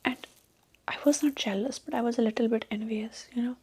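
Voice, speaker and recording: A woman's voice: fairly high pitch, brisk, breathy edge. A woman whispering in an Indian accent as a chatty, boastful young Indian woman on a marriage date, in an ASMR roleplay. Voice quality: soft whisper. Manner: boastful, gossipy, rambling.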